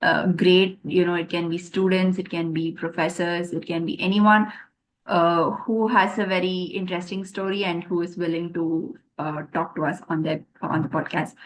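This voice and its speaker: A woman presenting in an online meeting over a video call, speaking in a halting way with many pauses. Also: on the low side, little pitch movement, slight background noise, poor audio. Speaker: session presenter.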